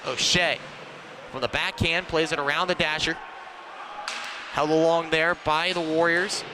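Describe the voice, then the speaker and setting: A man giving live ice hockey commentary in clipped phrases that follow the play. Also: fairly high pitch. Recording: noisy rink ambience around the mic.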